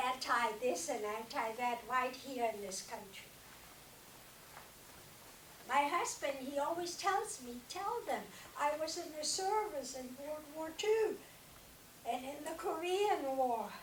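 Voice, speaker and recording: Elderly German-born woman, high and slow. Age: older. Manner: earnest, direct, urges listeners. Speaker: Holocaust survivor speaking to students. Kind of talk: talk to a school class. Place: school classroom or hall. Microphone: no mic, recorded from across the room. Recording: roomy, distant, faint hiss.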